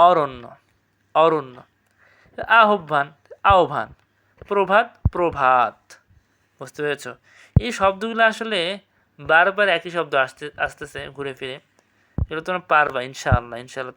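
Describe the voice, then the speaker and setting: A man teaching an exam revision class, repeating each word slowly and checking with quick questions. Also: on the high side, pushed and bright, a little hiss or hum.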